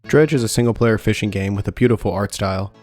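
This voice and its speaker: A young man narrates a video game review from a script at his home mic, steady and dry with the odd light joke. His voice sits low. Soft music plays beneath him. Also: fast. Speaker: gaming YouTuber. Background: soft background music.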